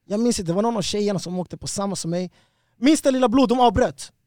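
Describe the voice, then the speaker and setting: Animated man telling a fight story. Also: high voice, no echo, studio quality. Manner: slangy, animated, swearing. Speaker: guest fighter. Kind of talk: casual storytelling.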